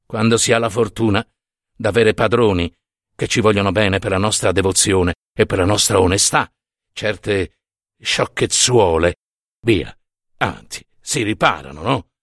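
A man's voice: fairly low pitch, measured pace, no room sound, studio quality, voice pushed down. A man voicing a burly, mocking middle-aged overseer who talks down to an old man in a dramatized story reading. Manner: swaggering, sneering, condescending.

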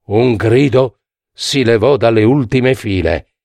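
Male storybook narrator, expressive and measured, slow with a gravelly edge. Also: mid-range voice, no echo, studio quality.

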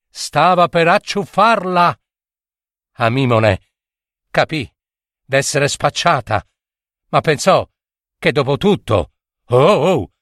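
A man telling a myth in a theatrical, lively way, with sudden high cries and comic asides. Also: no room sound, clean studio sound. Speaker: storyteller. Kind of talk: dramatic storytelling of a myth.

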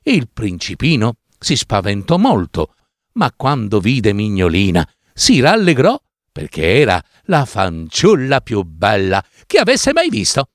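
Male storybook narrator, expressive and lingering, dry studio sound. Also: fairly low pitch, measured pace, dry recording. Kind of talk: storybook reading.

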